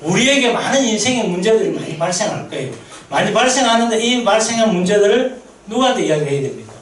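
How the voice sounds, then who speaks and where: Lively high-voiced man preaching. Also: quick pace, roomy sound, far from the mic, a little hiss or hum, low-quality recording. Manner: lively storytelling, asks the congregation questions. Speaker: missionary pastor. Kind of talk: sermon at a mission meeting. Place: church sanctuary.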